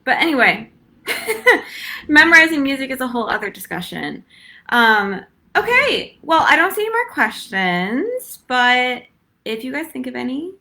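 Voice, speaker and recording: A woman's voice: sits high, big pitch swings, a little slow, pushed and bright. A young woman giving a casual live-stream flute lesson, chatty with many ums and easy laughs. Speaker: flute teacher.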